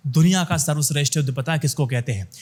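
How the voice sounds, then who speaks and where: A man's voice: fairly high pitch, fast, darkish tone. A young man giving opinionated news commentary, talking straight to his viewers and firing rhetorical questions at them.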